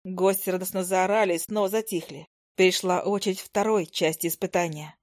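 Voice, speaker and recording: A woman narrating a first-person fantasy story as an audiobook, lively storytelling. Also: fairly low pitch, brisk, dry recording, clean studio sound.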